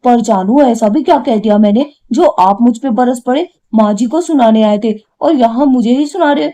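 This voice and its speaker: A woman voicing a tearful, quarrelsome young wife in a cartoon, with a complaining, sharp-tongued manner. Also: fairly high pitch, moderate pace, close to an everyday voice. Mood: indignant. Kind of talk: cartoon voice acting.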